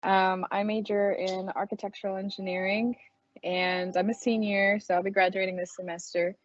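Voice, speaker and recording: A woman's voice: medium pitch, level tone, normal speed, no room sound, lo-fi sound. A woman in her twenties from Texas, a student ambassador introducing herself fluently and easily. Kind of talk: self-introduction on a panel.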